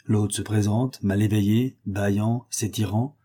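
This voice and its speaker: Low, husky male audiobook narrator. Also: steady tone, mellow. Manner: measured, descriptive reading.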